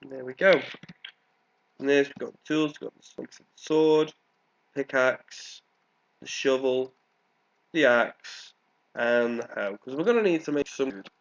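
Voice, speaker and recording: Hosting a gaming video, a man with a congested, cold-affected voice offers casual, rambling let's play commentary, coughing now and then. His pitch is medium and his pace a little slow, with long pauses. The microphone sounds dull and lo-fi.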